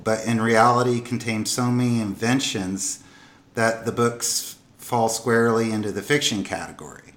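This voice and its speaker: A man's voice: lowish voice, fairly bright tone. A man hosting a podcast panel, explaining in a semi-formal way and moderating the guests. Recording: roomy, echoing voice pickup.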